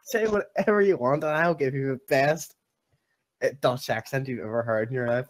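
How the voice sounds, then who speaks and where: A man's voice: mid-range voice, normal speed. A man co-hosting a casual online chat, teasing and joking with the guest.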